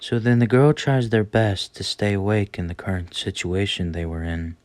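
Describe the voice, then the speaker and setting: A man's voice: fairly low pitch, fairly even intonation, moderate pace, a little mellow, no echo. A man narrating a scripted horror story as its storyteller.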